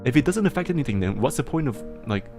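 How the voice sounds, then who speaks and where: With a sing-song, slightly mellow, medium-pitched voice, a young adult man talks fast as he hosts a casual advice stream. He responds to submitted struggles in a rambling, giggly way, often laughing and starting over. Soft music plays in the background.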